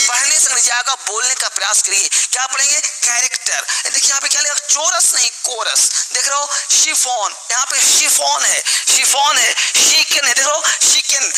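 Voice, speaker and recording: High bright-toned guy drilling english words, faint music behind. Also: low-quality recording. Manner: drills words aloud, preachy and motivational asides. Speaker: English teacher. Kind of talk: spoken English lesson.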